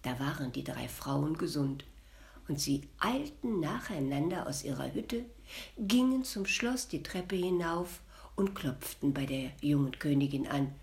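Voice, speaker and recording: A woman telling a fairy tale in a gentle way, often sinking to a near-whisper. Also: deep voice, expressive, unhurried, gravelly. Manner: gentle, often dropping to a hush. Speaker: storyteller.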